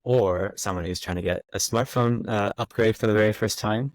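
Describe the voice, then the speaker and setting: Here a man from the U.S., in his thirties, speaks at normal speed in a voice on the low side. He's a guest in a conversational interview, answering thoughtfully with many fillers and restarts, and there's no room sound.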